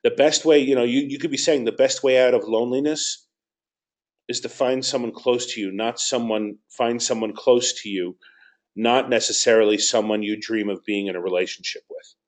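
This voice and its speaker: A man's voice: mid-range voice, fairly even intonation, normal speed. A man, a course director, answering student questions and giving notes in a conversational teaching session, repeating key points for emphasis.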